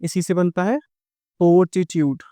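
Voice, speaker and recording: A man's voice: sits high, fairly even intonation, a little slow, mellow, no echo, clean studio sound. A middle-aged man with an Indian English accent gives an exam-prep grammar lecture. He explains patiently, keeps checking in with his students, and asks them questions that he then answers himself.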